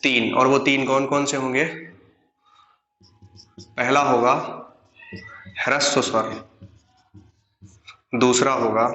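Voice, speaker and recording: A man's voice: medium pitch, sharp tone, reverberant. A young man teaching a grammar lesson to online students, who asks questions and then answers them himself.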